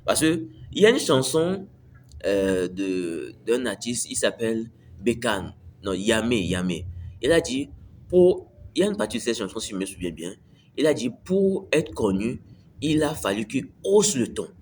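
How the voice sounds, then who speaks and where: This man's voice is mid-range and darkish, with an unhurried, sing-song delivery and slight background noise. Hosting a self-improvement video, he talks casually to camera, repeating himself and asking "tu me suis".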